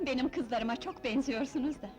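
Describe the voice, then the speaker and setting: Actress doing a soft tearful young mom, high voice, old movie soundtrack with music under it. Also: female voice, brisk, close to an everyday voice. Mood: tender. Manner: gentle and tearful. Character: tender young mother returned home. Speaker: young mother. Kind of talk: 1970s film drama acting. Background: film score music.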